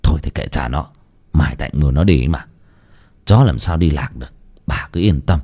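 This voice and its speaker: A weary old village husband, as a male storyteller drops his husky voice low. He grumbles and sighs in a slow, resigned way. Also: expressive, warm tone, heavily acted.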